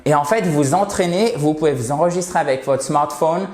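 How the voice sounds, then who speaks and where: A man teaching English in French, explaining phrases and repeating words slowly to model their pronunciation. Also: on the high side, darkish tone. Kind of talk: casual video lesson. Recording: roomy echo.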